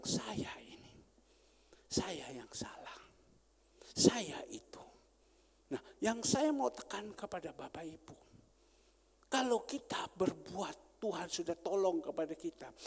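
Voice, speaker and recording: A man preaching a sermon as pastor, swinging between loud emphasis and hushed asides. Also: high voice, gravelly. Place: large church hall. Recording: long church hall reverb.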